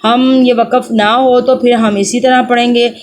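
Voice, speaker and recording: A woman teaching beginners to read the Quran, spelling out each letter and sound slowly before reciting the verse. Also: on the high side, flat delivery. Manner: slow, drawn-out letter-by-letter drilling.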